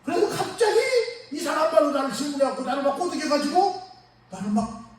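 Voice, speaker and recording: A man with a high voice preaches a Sunday sermon, chatty and animated, peppering the congregation with questions. The sound is heavily echoey, as if caught from across a big church hall. A faint hiss sits under it. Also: fairly quick, far from the mic. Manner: lively, conversational preaching with rhetorical questions. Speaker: pastor. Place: church sanctuary.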